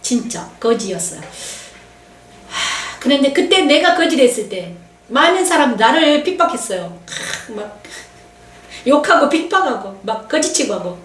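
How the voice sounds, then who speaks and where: A woman's voice: high voice, big pitch swings, unhurried, distant mic, slight background noise. A middle-aged woman pastor giving an emotional, confiding testimony sermon and acting out what others said. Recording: echoey room, voice from off-mic.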